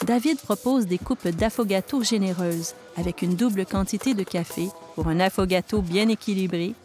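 A woman's voice: mid-range voice, soft background music. Woman narrating a food report. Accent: Québécois French. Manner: even, measured delivery. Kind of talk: scripted narration.

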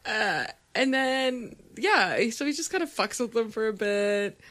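Slow, lively-pitched woman podcast co-host. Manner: wry, joking asides. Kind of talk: casual chat.

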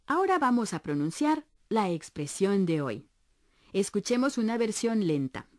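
A woman's voice: mid-range voice, big pitch swings, normal speed, a little mellow, no echo. Patient woman teaching language on radio. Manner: clear, patient and encouraging, explaining step by step. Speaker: Japanese language instructor on a radio course. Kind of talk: scripted educational narration.

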